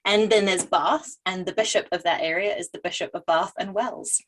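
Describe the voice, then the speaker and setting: A woman on a comedy panel, explaining jokes and facts in a quick, playful way. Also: fairly low pitch, fairly bright tone. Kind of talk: casual comedic banter.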